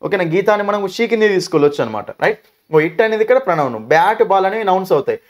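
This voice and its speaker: A man's voice: sits high, big pitch swings, rapid-fire. A man with a Telugu accent teaching an English grammar lesson, asking questions and answering them himself. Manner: asks questions and answers them himself, calls students "nanna".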